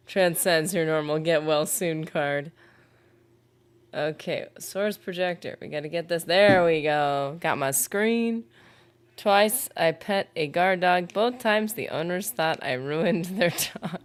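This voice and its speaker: A woman's voice: deep voice, takes it slowly, clean tone. A woman streaming a game, chatting casually and rambling as she reads viewer comments aloud. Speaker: gaming livestreamer. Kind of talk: casual livestream chat while gaming.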